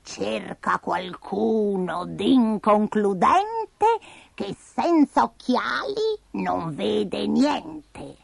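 Woman doing a sly, slow-spoken granny. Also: medium pitch, very animated, vocal fry, no echo, heavily acted. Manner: slow, deliberate. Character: sly playful grandmother. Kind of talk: storybook reading.

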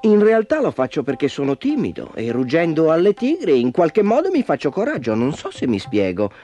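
A man's voice: on the high side, huge pitch swings, a little fast, mellow, faint music behind, voice pushed up. A man voicing a shy but cheeky little boy in a children's storybook. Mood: earnest.

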